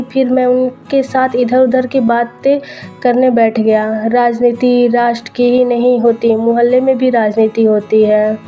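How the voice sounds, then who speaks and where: A woman narrating a story as a scripted reading, in an even, measured way. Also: a little high, lo-fi sound.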